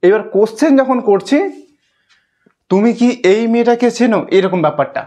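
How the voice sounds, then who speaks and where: A man's voice: sits high, brisk, warm tone. A man teaching an English lesson to children, explaining step by step and checking in with "okay".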